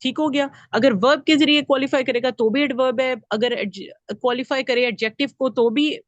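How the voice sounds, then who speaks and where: A woman's voice: high-pitched, moderate pace, no echo, muffled recording. A woman teaching a grammar class, explaining step by step and putting questions to her students. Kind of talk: classroom lesson.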